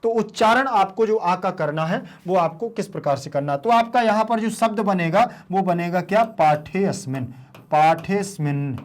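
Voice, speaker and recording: A man teaching Sanskrit grammar. He keeps asking his students questions and draws out the Sanskrit terms slowly. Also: sits high. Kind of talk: board lesson explanation.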